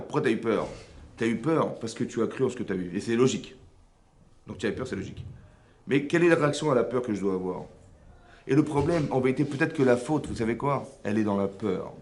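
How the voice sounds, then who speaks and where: A man, a rabbi giving a lively religious lesson to a women's class, full of rhetorical questions and checks on whether his listeners follow. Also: mid-range voice. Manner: animated, rhetorical questions, frequent checks on understanding. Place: seminary classroom.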